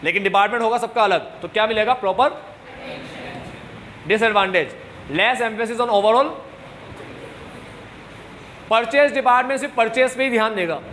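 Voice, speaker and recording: A man's voice: high-pitched, moderate pace, long pauses, fairly bright tone, a little hiss or hum. A man teaching a commerce class to students, joking and scolding them now and then, with English terms mixed into his talk. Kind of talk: classroom lecture.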